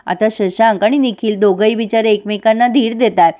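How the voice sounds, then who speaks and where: A woman's voice: on the high side, fairly even intonation, normal speed, dark tone. A woman narrating a soap-opera episode recap, chatting directly to her viewers.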